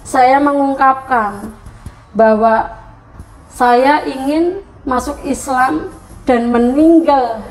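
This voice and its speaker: A woman's voice: sits high, extremely slow, pauses often, soft background music, poor audio. A middle-aged woman from Central Java telling her conversion story in an interview, turning tearful and pleading when she recalls her prayers. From Central Java, Indonesia. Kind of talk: emotional personal testimony.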